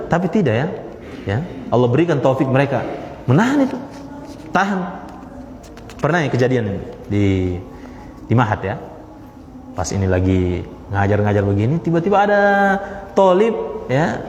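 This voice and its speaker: A man teaching a religious study class to listeners in the room, lively and repeating his key phrases. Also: mid-range voice, moderate pace, pauses often, echoey room, in a large hall, lo-fi sound, slight background noise. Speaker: Islamic teacher. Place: study gathering with listeners present.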